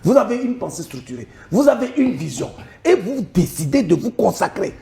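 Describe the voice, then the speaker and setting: A man's voice: high-pitched, big pitch swings, brisk, gravelly, mellow. A man answering in an interview, speaking emphatically and persuasively. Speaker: interview guest. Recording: echoey room with faint noise.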